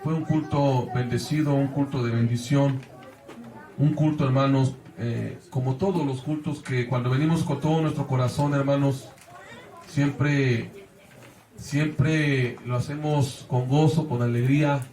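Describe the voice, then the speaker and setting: A man's voice: mid-range voice, fairly even intonation, unhurried, dark tone. A man with a Mexican Spanish accent preaching a sermon as pastor of a church, earnestly calling out to the congregation. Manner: earnest preaching, often addressing the congregation as brothers. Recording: echoey church from a distance.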